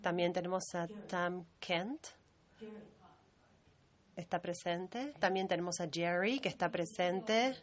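A woman giving a steady, measured simultaneous interpretation of a meeting chair's remarks and roll call. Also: on the low side. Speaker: conference interpreter.

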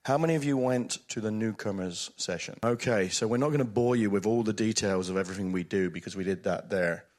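A man with a croaky voice from being sick, giving an informal, joking conference talk. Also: on the low side, a little fast, few pauses, a little mellow. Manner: joking, informal, self-deprecating. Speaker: security officer introducing his team.

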